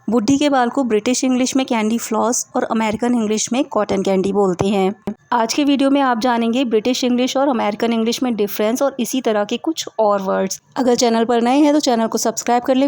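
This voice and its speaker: A woman teaching English vocabulary to Hindi speakers, explaining each word slowly and clearly with repeated examples. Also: fairly high pitch, a little mellow, no echo.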